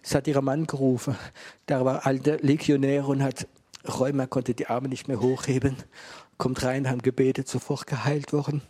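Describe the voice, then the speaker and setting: A man's voice: medium pitch, flat delivery, moderate pace, warm tone, husky. A middle-aged man preaching and telling a testimony to a live audience, acting out dialogue as he goes. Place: room with a gathered audience.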